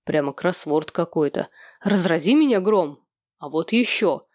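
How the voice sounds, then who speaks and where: Teasing loud dad reading out poems all theatrical, woman doing the voice, dry close sound. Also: expressive, a little slow, dry recording. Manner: booming, mocking, theatrical declaiming. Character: jovial teasing father, middle-aged man.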